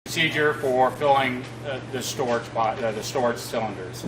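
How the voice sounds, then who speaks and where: A middle-aged man giving an informal instructional demonstration in a halting, matter-of-fact way. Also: mid-range voice. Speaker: fire district equipment trainer. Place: concrete-floored equipment room, indoors. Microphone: distant camera across the room. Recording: echoey, noisy, distant camera sound.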